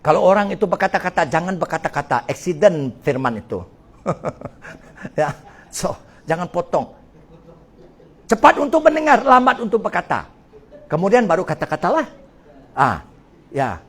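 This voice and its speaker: A male pastor preaching a sermon in a lively way, slipping into English phrases and laughing often. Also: fairly high pitch.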